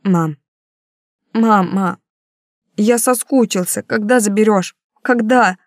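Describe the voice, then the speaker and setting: A woman's voice: medium pitch, slow, no room sound, clean studio sound, pitched above the performer's own voice. A woman voicing a young boy who speaks in a plaintive, slightly sulky child voice. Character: young boy, missing his mother.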